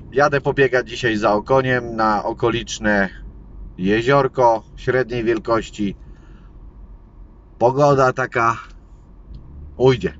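Male vlogger, 30s, slow casual delivery, muffled audio recorded in a moving car with loud road rumble. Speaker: fishing vlogger. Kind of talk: casual vlog chat while driving. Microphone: camera mounted on dashboard.

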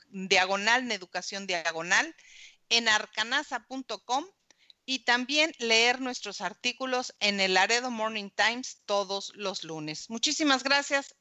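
Bright-voiced polite woman radio co-host. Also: a little high, no room sound. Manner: polite, formal. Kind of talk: radio segment sign-off and chat.

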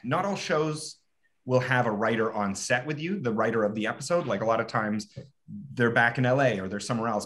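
A man's voice: on the low side, fairly bright tone. A man talking casually on a panel as an actor, earnest, repeating words as he searches for them.

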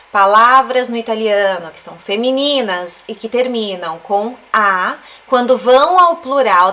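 A woman's voice: on the high side, sharp tone. Woman teaching Italian through a song. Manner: explains slowly, repeats words and checks in with tag questions. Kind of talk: language lesson analyzing a song.

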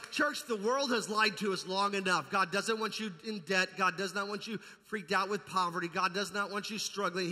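High-pitched, bright and forceful, a male pastor pours out an intense charismatic sermon full of repeated lines and rhetorical questions for those gathered. The large indoor hall gives a long reverb to the amplified audio.

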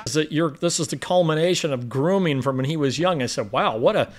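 A man's voice: fairly high pitch, fast talker, a little mellow, faint music behind. A man co-hosting a casual film review podcast, retelling the plot in a rambling way with frequent restarts.

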